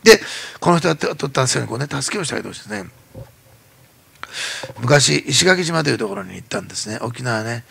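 A man preaching in a church as pastor, telling stories in an animated way and acting out the people he quotes. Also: mid-range voice, quick pace, vocal fry, pauses often, a little hiss or hum. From Japan. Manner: animated storytelling, acts out quoted voices. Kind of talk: sermon.

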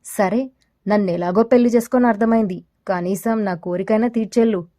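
A woman's voice: mid-range voice, a little fast, mellow, no room sound, clean studio sound, lightly acted. A woman voicing a cruel, mocking male village thug in an audio story, speaking in a sneering, taunting way.

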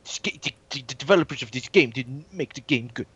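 Bright, lively young man on a muffled call. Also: medium pitch, fast, slightly rough. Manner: crude, mocking, laughs often. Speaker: let's play host. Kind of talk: casual gaming chat on a voice call.

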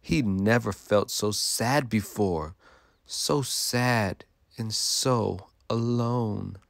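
A man's voice: lowish voice, drawn-out words, vocal fry, no room sound. A male teacher reading a rhyming picture book aloud to children in a sing-song way, stopping to ask them questions.

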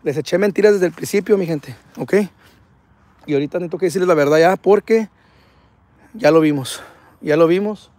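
A man hosting a live ghost-hunting stream outdoors at night, talking excitably in slang and reading viewer comments aloud. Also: on the high side, fairly quick, long pauses, no echo. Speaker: paranormal livestream host.

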